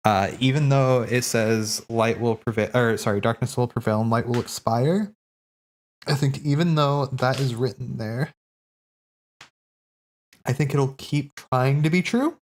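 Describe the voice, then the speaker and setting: This streamer hosting a watch party talks in a mid-range voice, unhurried and full of long pauses. His commentary is casual and rambling, as if he's thinking aloud, and he repeats himself often.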